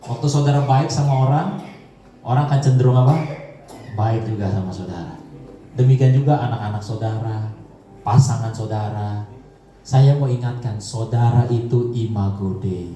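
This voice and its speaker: A man preaching a sermon as pastor, telling stories in a lively way and acting out the voices of the people he quotes. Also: medium pitch, moderate pace, pauses often, a little hiss or hum. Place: church hall. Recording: echoey church hall, mic from a distance, faint music.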